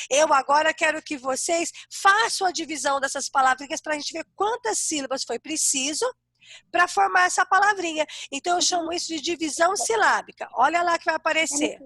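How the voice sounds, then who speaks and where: Bright, high-voiced Brazilian teacher. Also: female voice, dry recording, clean studio sound. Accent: Brazilian Portuguese. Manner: warm, sing-song teacher talk to small kids. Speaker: primary school teacher. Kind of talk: online class for young children.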